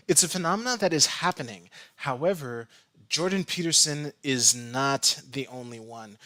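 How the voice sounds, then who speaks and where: A man talking casually on a live stream, halting often with restarts and repeated words, into a close desk microphone. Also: mid-range voice, sharp tone, no room sound.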